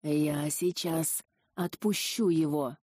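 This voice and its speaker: A woman voicing a slow, hissing serpent demon. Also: low-pitched, fairly even intonation, dark tone, husky, no echo, clean studio sound, exaggerated voice. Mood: menacing. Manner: slow, drawn-out, hissing menace.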